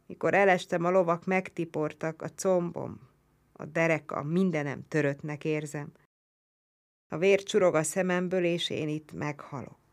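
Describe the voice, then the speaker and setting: A blind, wounded Roman soldier lies on the battlefield, his weak voice low and tearful, as a woman narrator puts him on. He pleads for water in a plain, steady storybook reading. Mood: weeping.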